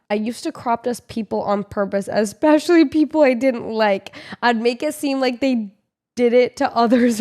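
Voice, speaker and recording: A woman's voice: medium pitch, a little mellow. A young woman streamer reading viewer confessions aloud and reacting in casual, slangy talk, swearing freely and laughing often.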